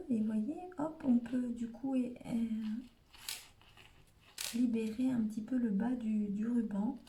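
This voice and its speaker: In a live crafting session, a chatty woman from Hauts-de-France, northern France, describes each step as she works, frequently saying "hop" and "voilà" in her local accent. Her fairly high voice is warm. The recording has a roomy echo plus slight background noise.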